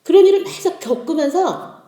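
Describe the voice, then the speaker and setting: Middle-aged woman giving lively church testimony. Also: very high-pitched, normal speed, reverberant. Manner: lively storytelling, acting out family dialogues with laughter. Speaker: lay speaker giving a testimony.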